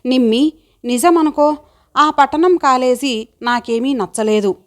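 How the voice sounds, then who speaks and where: Caring young woman, affectionate and coaxing, slightly high, for an audiobook, read by a woman. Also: measured pace. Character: warm caring young woman, loyal friend.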